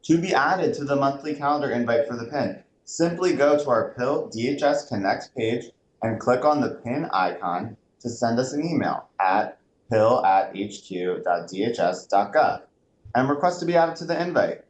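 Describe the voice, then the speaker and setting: A man's voice: mid-range voice, lively intonation, moderate pace. Man doing an upbeat mock broadcast announcement. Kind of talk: scripted announcement. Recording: roomy echo with faint noise.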